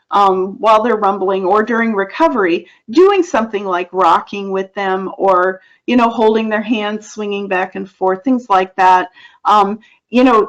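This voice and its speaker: A woman psychologist explaining parenting techniques in a relaxed, conversational way, with frequent fillers and asides. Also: medium pitch, muffled recording. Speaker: child psychologist. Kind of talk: parenting advice talk.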